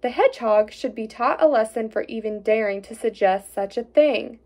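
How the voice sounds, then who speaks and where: A woman's voice: on the high side, moderate pace. Woman reading a storybook aloud. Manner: expressive reading with small slips and asides.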